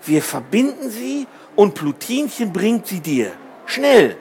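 A man's voice: high-pitched, sing-song, measured pace, warm tone, slight background noise, pitched above the performer's own voice, heavily acted. A man voicing a small, eager boy astronaut in a children's storybook. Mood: urgent.

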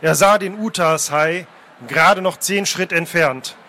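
A man reading fantasy adventure prose aloud, taking turns with a second reader and shouting out the characters' cries. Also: sits high, a little slow. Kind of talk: dramatic book reading, alternating narration.

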